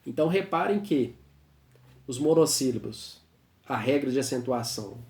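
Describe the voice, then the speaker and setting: A man teaching a grammar lesson, patiently explaining rules and repeating examples slowly. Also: medium pitch, lively intonation, darkish tone. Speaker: Portuguese teacher. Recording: echoey room.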